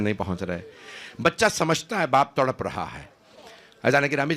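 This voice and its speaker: A middle-aged man preaching an emotional sermon to a large live gathering, with dramatic rises in pitch and loudness as he addresses the crowd. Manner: addresses the gathering directly and often. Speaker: Islamic preacher. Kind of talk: impassioned religious sermon.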